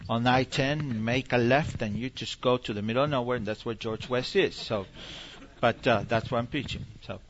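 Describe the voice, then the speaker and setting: Speaking in a mid-range voice on a recording with the highs cut off, an Argentine visiting preacher gives informal teaching and answers questions, animated and halting, repeating himself.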